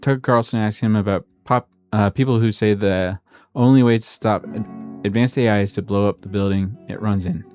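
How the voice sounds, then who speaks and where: Man yelping in excited reactions. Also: lowish voice, brisk, soft background music. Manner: loud excited outbursts while watching. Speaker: host reacting to clips. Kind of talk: casual reaction commentary.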